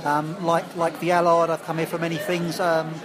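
A man's voice: a little high, monotone, normal speed. A man chatting casually as a podcast guest. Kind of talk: casual chat. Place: busy pub. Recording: busy pub chatter behind.

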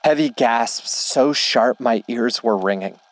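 A man narrating a first-person horror tale at a slow, unhurried pace. His delivery is measured and deliberate, letting each line sink in. The voice sits close and dry, with no room sound around it. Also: mid-range voice, dry recording.

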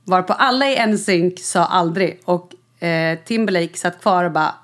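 Woman with teasing asides. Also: on the low side. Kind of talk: casual chat.

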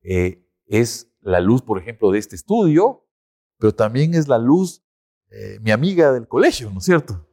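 Animated man explaining. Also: mid-range voice, moderate pace. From Ecuador. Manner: animated explainer, lifts his voice to act out quotes. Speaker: guest expert. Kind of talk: casual podcast conversation.

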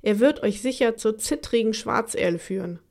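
A woman's voice: on the high side, expressive, normal speed, a little mellow. A woman voicing a big, stern female forest creature who grumbles and gives orders in a children's audiobook. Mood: firm. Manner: gruff, commanding.

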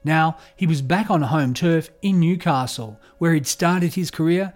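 A man's voice: on the high side, faint music behind. Man narrating true crime. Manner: measured, even storytelling delivery. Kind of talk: scripted narration.

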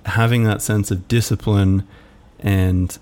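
A man hosting a reflective solo podcast, musing aloud in a halting way with many fillers. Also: on the low side, fairly even intonation, darkish tone. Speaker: podcast host.

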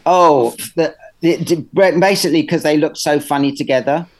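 A man's voice: on the high side, moderate pace. British man chatting casually, hesitant and rambling. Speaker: artist being interviewed. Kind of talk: casual conversational interview.

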